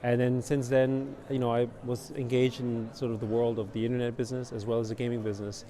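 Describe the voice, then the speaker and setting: A middle-aged man from Austria, a company founder, answering interview questions in a relaxed, rambling way full of fillers. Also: mid-range voice, fast talker. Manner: relaxed, rambling, many fillers like "you know" and "basically". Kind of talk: conversational interview. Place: outdoors at a busy conference venue. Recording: crowd chatter behind. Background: crowd noise.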